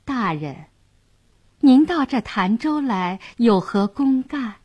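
A woman voicing a clever, bold young wife who turns coy and flattering, pitched above her own voice. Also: slow, slightly rough, no echo, exaggerated voice. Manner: defiant, then coy and flattering.

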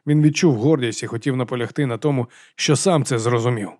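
A male audiobook narrator reading in a steady, measured way, at an ordinary middle pitch. The voice is recorded close on a studio mic, completely dry with no room sound. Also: no room sound. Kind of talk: scripted narration.

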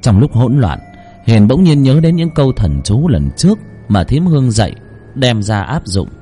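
A man's voice: medium pitch, big pitch swings, normal speed, mellow, soft background music. A man narrating a horror story with dramatic, tense delivery.

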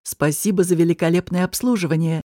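A woman's voice: on the low side, quick pace, dark tone, no echo, clean studio sound, voice pushed down, close to an everyday voice. A woman voicing a polite, hesitant male bar customer in an audiobook. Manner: courteous and hesitant.

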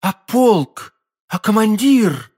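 A man voicing a devoted young woman in an audiobook, hushed, pleading and fearful. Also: a little high, normal speed, slightly rough. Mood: anxious. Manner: hushed, pleading, often whispered.

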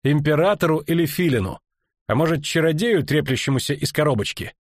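Veda, a man reading as a husky defiant mercenary girl. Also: fairly high pitch, lively intonation, brisk, no echo, studio quality, pitched above the performer's own voice. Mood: scornful. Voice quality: husky, plain-spoken. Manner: defiant, blunt, raised voice. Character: tough defiant young woman mercenary, blunt. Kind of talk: audiobook reading.

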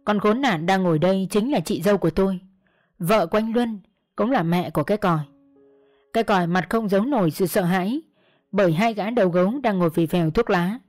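A woman narrating a first-person story in a steady storytelling manner. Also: mid-range voice, brisk, no echo. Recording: dry close mic, faint music.

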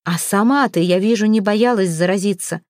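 A jealous, hot-tempered young prince snaps with irritation and scorn, as a woman reads his part in an audiobook. The tone sits low and mellow, with a dry close sound. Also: moderate pace, no echo, lightly acted. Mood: scornful.

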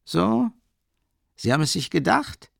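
A man's voice: mid-range voice, lively intonation, moderate pace, gravelly, no room sound, clean studio sound. A man reading an audiobook, voicing a worldly middle-aged man who talks in a raised, wondering, rambling way.

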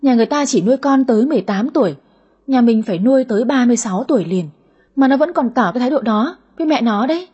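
A woman's voice: a little high, lively intonation, fast talker, warm tone, slightly rough, muffled recording. A woman voicing a nagging, fussing middle-aged mother in an audio story. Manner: nagging, complaining.

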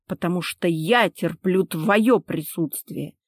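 A woman's voice: medium pitch, animated, unhurried, no room sound. A woman voicing a stern, domineering husband who speaks in a clipped, sarcastic, commanding way, in a dry close recording. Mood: stern cold.

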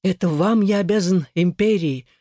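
A man reads a young emperor fresh from his coronation, earnest and fervent in manner. The voice sits somewhat high and sounds close, with no room around it. It comes across as an audiobook reading. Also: normal speed, a little mellow, no echo, close to an everyday voice. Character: young newly crowned male emperor, earnest.

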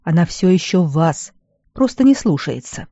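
A reader voicing a weary male garrison healer who scolds at first, then speaks with fatherly gentleness. The recording is dull and dry. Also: on the high side, sing-song, moderate pace, no echo. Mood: soft. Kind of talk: audiobook character voice.

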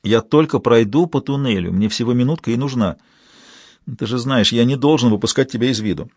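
A young male deputy, easily flustered and pleading with his prisoner, as an audiobook reader plays him. The voice is husky and only a touch raised. The recording is close and dry. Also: mid-range voice, fairly quick, darkish tone, no echo, close to an everyday voice.

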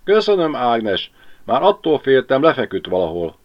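A man's voice: mid-range voice, sing-song, voice pushed up, close to an everyday voice. A man voicing a worried, breathless village wife in a lo-fi audiobook reading.

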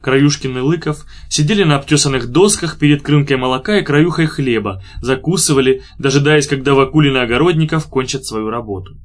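A man narrating an audiobook in a measured, even reading voice. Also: medium pitch. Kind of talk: scripted narration.

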